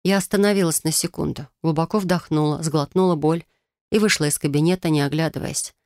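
A narrator reading a first-person romance novel in an even, measured storytelling manner. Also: medium pitch, no echo, clean studio sound.

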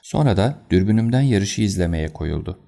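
A man with a deep, gravelly voice narrates an audiobook with a steady storytelling delivery. His tone is dark and mellow. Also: moderate pace.

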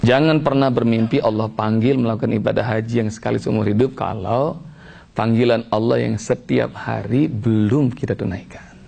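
A man's voice: mid-range voice, steady tone, moderate pace, creaky, warm tone. A man preaching a sermon in style, retelling a story with emotion and rising into fervent prayer.

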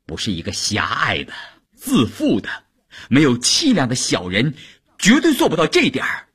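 A man's voice: medium pitch, wildly swooping pitch, moderate pace, fairly bright tone, slightly rough, voice pushed up, heavily acted. A man doing a jealous, sneering officer. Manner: sneering, agitated. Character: jealous, scornful male comrade officer.

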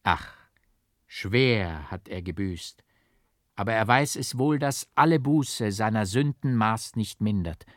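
A man's voice: fairly low pitch, expressive, a bit bright, dry recording, clean studio sound. A man as an anguished, pleading monk. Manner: pleading, slow and solemn.

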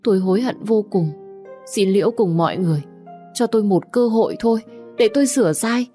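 A woman's voice: fairly low pitch, normal speed, a little mellow, faint music behind, natural voice. A woman voicing a scheming young woman who begs tearfully in a raised, pleading voice. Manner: pleading, sobbing, wheedling.

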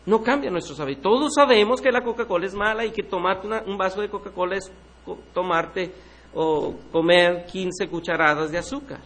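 A man with a notably high-pitched voice preaches a morning sermon to his congregation. He speaks earnestly and keeps asking them searching questions. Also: fairly even intonation, moderate pace, fairly bright tone. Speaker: pastor. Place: church.

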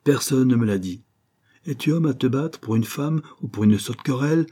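A man's voice: mid-range voice, moderate pace, husky, voice pushed up, lightly acted. A man doing an aging, tender baron father. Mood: earnest. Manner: hushed, emotional, fatherly.

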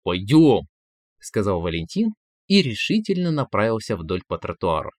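A man reading a story aloud, voicing an excitable, gullible young man who blurts things out and gets indignant when flustered. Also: lowish voice, normal speed, no room sound, clean studio sound. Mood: eager. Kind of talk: audiobook character voicing.

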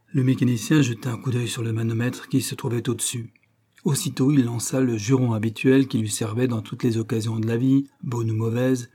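A male audiobook narrator reading an adventure novel in a measured, dramatic way. His voice is warm and mellow, sitting at an ordinary pitch. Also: slightly rough. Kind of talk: scripted narration.

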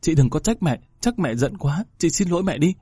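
A man's voice: sits high, lively intonation, normal speed, warm tone, husky, no room sound, studio quality, faint music behind, voice pushed up. A man voicing a frightened young schoolgirl who pleads and comforts her older sister in a read-aloud story. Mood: tender. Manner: pleading, childlike.

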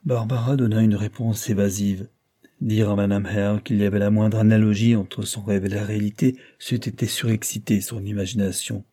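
Dark, husky male narrator. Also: fairly low pitch, level tone, normal speed. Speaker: audiobook narrator. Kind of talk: scripted narration of a novel.

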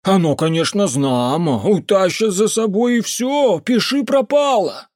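A man voicing a drunk, tearful old village man who wails in a hoarse, high voice. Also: expressive, a little slow, darkish tone, no echo, clean studio sound. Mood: wailing. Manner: wailing, tearful rustic speech.

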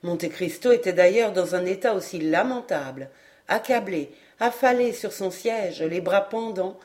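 A woman reads a novel aloud in a measured, expressive narration. Her voice sits at an ordinary middle pitch. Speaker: audiobook reader. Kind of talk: audiobook narration.

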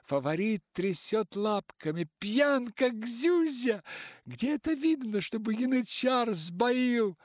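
A man voicing a brash, beautiful woman who shouts and rallies a crowd into a brawl. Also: lively intonation, takes it slowly, no echo, clean studio sound, full character voice. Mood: indignant. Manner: shrill rabble-rousing shouts.

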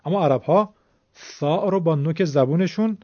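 A man's voice: fairly high pitch, animated, darkish tone, no room sound. A man giving a radio lesson on Quran recitation, explaining patiently and sounding out letters himself. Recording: dull, dry radio studio sound.

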